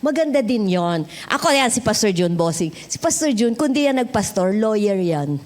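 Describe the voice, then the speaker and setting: A woman's voice: mid-range voice, big pitch swings, normal speed, darkish tone. A Filipino woman pastor preaching a sermon in a chatty, joking way, mixing Tagalog and English. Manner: conversational, switching between Tagalog and English, joking with the congregation. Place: church sanctuary.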